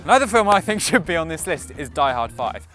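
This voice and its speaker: A man's voice: on the high side, very animated, brisk, fairly bright tone, faint music behind. A young man giving casual, opinionated reviews to camera as a vlog co-host.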